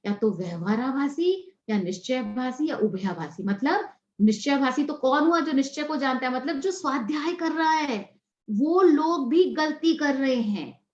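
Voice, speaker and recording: High-voiced woman teaching in an echoey room. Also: lo-fi sound. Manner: explanatory, asks and answers her own questions. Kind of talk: scripture class lecture.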